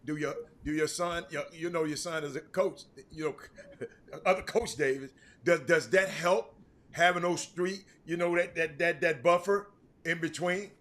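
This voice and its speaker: Bright, high-voiced animated male host. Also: normal speed. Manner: animated, stammering restarts, laughs often. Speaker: talk show host. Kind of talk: casual sports talk.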